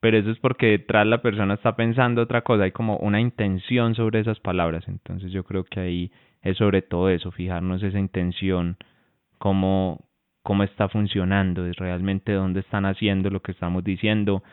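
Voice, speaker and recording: Deep-voiced man on a tinny line. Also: moderate pace, smooth, no echo. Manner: relaxed, restarts phrases often. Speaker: co-host and relationship coach. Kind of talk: casual advice talk to viewers. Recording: tinny phone-like sound, dry.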